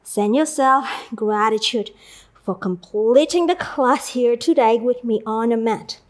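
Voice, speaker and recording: High-voiced, slow-paced woman Pilates instructor. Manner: short calm movement cues with counting. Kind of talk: workout class instruction.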